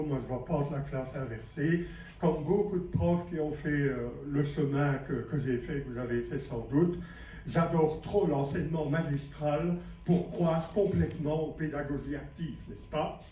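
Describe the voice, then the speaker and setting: Addressing a room of teachers at a conference, this Belgian speaker has a slightly high voice with a dark tone. He keeps things conversational and self-mocking, frequently asking the audience questions, and the audio carries hall echo, faint noise, and a far-off mic.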